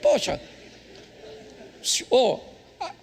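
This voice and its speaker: A man's voice: drawn-out words, slight background noise. A man with a Brazilian Portuguese accent preaching a humorous sermon in church, telling stories and teasing husbands bluntly. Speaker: pastor. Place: church service.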